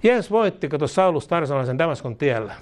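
A pastor with a slightly high voice and big pitch swings preaches a fervent sermon, leading a prayer aloud in which each line is repeated, and speaking in tongues.

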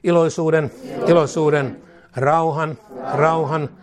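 A man's voice: on the high side, steady tone, crowd noise. A man preaching as a pastor and leading a declaration prayer, reading each line in short phrases for the congregation to repeat. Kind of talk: sermon, leading a call-and-response declaration. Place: church service with a congregation. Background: congregation repeating lines aloud.

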